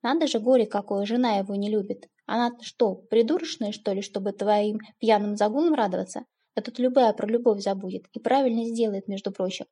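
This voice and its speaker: A woman's voice: mid-range voice, a little fast, few pauses, warm tone, husky. A woman reading an audiobook, voicing a defiant young stepdaughter who scolds her father sharply. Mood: scolding.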